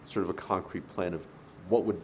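A man speaking as a board member in a meeting, thinking aloud and haltingly as he questions a presenter. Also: fairly even intonation, a little mellow. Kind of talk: meeting discussion. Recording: low background noise in a meeting.

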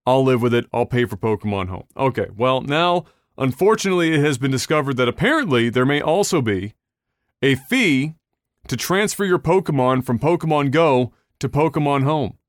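Smooth-voiced male podcast host. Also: mid-range voice, expressive, moderate pace, no echo, clean studio sound. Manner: rambling, swears casually, many restarts. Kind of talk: casual podcast chat.

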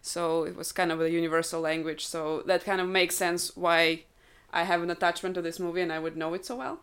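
A woman in her thirties from Ukraine, a native Russian speaker, chats casually as a podcast guest, explaining things thoughtfully with many fillers. Her voice is on the low side yet fairly bright and smooth, with fairly even intonation and a slightly fast pace.

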